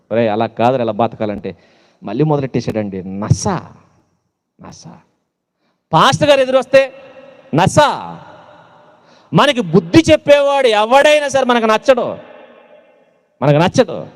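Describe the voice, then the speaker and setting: Lively preacher man in a reverberant hall. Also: high-pitched. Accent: Telugu. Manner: lively, rhetorical questions, mocking asides. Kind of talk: sermon to youth.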